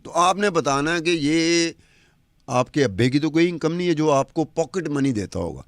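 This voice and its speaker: A man's voice: fairly high pitch, lively intonation. A man, a podcast commentator talking across from a woman anchor, stacking up rhetorical questions in an argumentative way.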